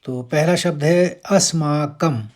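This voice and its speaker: A man teaching how to pronounce a Sanskrit verse, patiently breaking words into syllables and chanting the lines louder and drawn out. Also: fairly high pitch, takes it slowly. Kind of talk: verse pronunciation lesson.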